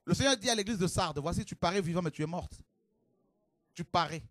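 A man preaching a fiery sermon to a congregation, with shouted exclamations and rhetorical questions. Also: high-pitched, lively intonation, brisk, no room sound.

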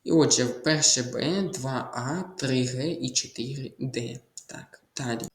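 Male language tutor, mid pitch, methodical explainer, echoey room. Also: unhurried. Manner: methodical, repeats key answers. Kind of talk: exam walkthrough lesson.

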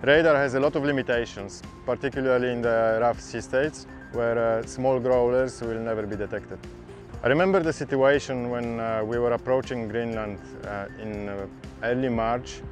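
Man in his 30s, expedition sailor, steady plain talk, medium pitch, faint music behind. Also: normal speed. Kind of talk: testimonial to camera.

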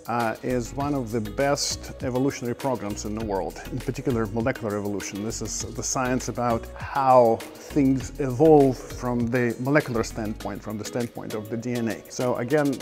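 A man's voice: mid-range voice, gravelly. Earnest middle-aged man explaining research. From Ukraine. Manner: earnest, explanatory, with some fillers. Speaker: research fellow. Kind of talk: prepared talk to camera. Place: indoor greenhouse with plants.

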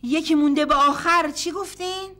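A woman's voice: high-pitched, steady tone, bright, forceful tone. An actress playing a gullible woman eager to have her fortune read. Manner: eager, easily impressed. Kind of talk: sitcom acting.

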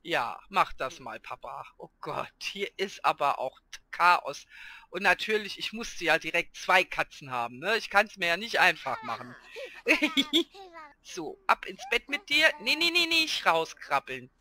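A woman hosting a let's play, chatting excitedly through her game and talking to her characters. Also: on the low side, unhurried. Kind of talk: casual gameplay commentary.

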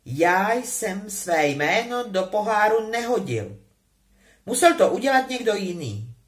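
A woman's voice: mid-range voice, sing-song, lightly acted. A woman voicing a frustrated, defensive teenage boy wizard in a storybook reading, speaking up with insistence. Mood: insistent.

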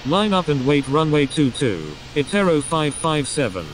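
A male airline pilot heard over the radio, as a man voices him, reading back clearances in clipped, even phrases. His voice comes through a hissy radio channel with steady background noise, sounding set apart from the controller. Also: fairly high pitch, normal speed, rough recording. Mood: routine.

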